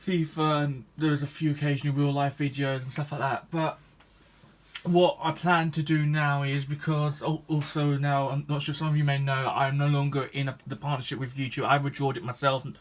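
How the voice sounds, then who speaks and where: In a relaxed vlog for his viewers, a 21-year-old man who makes gaming videos speaks fairly quickly in a slightly high, flat voice. His talk wanders, stumbling over restarts and ums.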